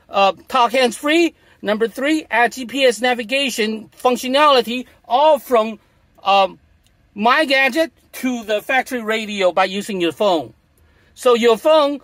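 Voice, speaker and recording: The voice belongs to a middle-aged man, very high-pitched and a touch bright, with no room sound audible. He is a product demonstrator pitching a gadget from inside a parked car, going over the same points in a salesy manner.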